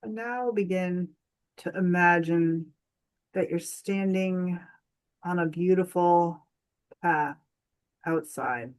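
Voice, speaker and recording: Leading a guided meditation, this woman uses a lowish voice and a gentle, calming, unhurried delivery. Long pauses separate her phrases.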